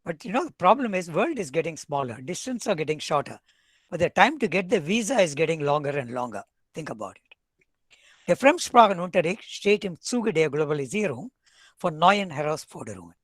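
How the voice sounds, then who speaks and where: With a high-leaning, very animated voice and a fairly quick pace, a South Indian professor gives an academic webinar talk. A native Tamil speaker with an Indian accent, he switches between English and German and makes dry, wry asides. No echo is present.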